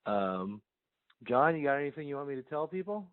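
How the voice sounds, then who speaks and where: A man's voice: medium pitch, brisk, no room sound. Man joking on a tinny phone line. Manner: rambling, joking, relaxed. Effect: heard over a landline phone voicemail. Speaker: podcast host. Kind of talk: casual chat.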